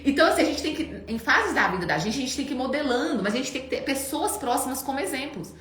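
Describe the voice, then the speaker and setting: A woman in her thirties talks fast, her pitch leaping around as she tells stories in a casual chat. She sits a little high for a woman. The room is echoey, with faint background noise. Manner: animated storytelling. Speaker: host.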